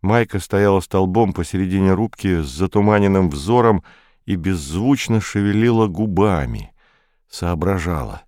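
Low-voiced male audiobook narrator. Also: expressive, darkish tone, no echo, clean studio sound. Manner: measured first-person storytelling.

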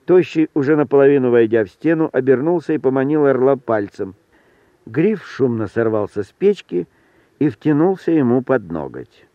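A man reading a story aloud in an even, wry narrating manner. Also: mid-range voice, moderate pace, no room sound. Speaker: audiobook reader. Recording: thin phone-like sound, dry.

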